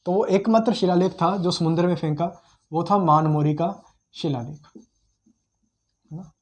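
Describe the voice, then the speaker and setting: A young man teaches history in a relaxed, conversational way. His voice sits a little high but has a mellow, warm tone. He repeats key names for emphasis and often stops with "uh" while he searches his memory. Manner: conversational, repeats key terms, frequent "uh" pauses while recalling. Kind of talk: informal history lecture.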